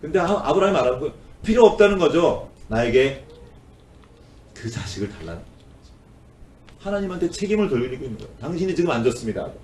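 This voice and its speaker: A man's voice: fairly high pitch, big pitch swings, fast, long pauses, a little mellow, a little hiss or hum. A man preaching a sermon as a pastor, acting out the complaints of the people in his story with a rising, pleading voice. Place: church sanctuary. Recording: roomy church sound, voice from a distance.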